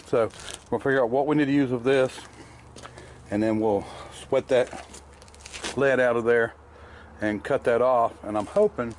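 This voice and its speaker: Chewing candy as he shows off his shop work, this restorer rambles in a plainspoken way, full of fillers, in a casual garage vlog. His voice is mid-range, steady and darkish, a little slow with frequent pauses, over a faint hiss or hum.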